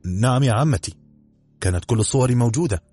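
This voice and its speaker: A man doing a quick, helpful young niece. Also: mid-range voice, lively intonation, warm tone, breathy edge, faint music behind, pitched above the performer's own voice. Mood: eager.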